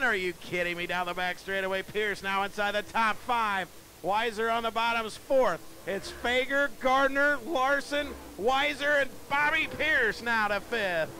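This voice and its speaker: A man calling a dirt track race live, excitable and breathless, often shouting as the action builds. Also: extremely high pitch, slight background noise. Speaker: race announcer.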